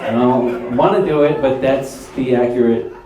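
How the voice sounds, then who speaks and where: A young man doing stand-up storytelling on stage, animated and acting out other people's lines. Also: mid-range voice, normal speed. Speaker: stand-up comedian. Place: comedy stage before a laughing audience. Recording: roomy live club with crowd laughter.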